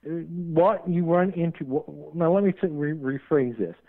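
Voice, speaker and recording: A man's voice: fairly high pitch, moderate pace, gravelly. Talkative man on a tinny phone line. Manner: talkative, rambling, admits he runs on. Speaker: paranormal investigator guest. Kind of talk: phone-in radio interview.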